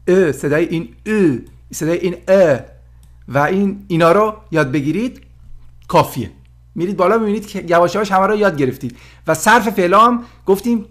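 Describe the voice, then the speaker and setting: A man giving a casual language lesson, explaining pronunciation slowly and repeating each sound aloud. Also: high-pitched. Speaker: French teacher.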